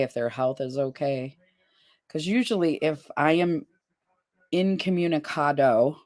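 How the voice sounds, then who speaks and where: A woman in her fifties talks on a livestream from her living room, her voice sitting a little low. She chats easily with her viewers through a webcam, reads their comments aloud and laughs often. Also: a little mellow. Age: 50s. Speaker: livestream host. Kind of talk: casual livestream chat. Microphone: webcam on a video call.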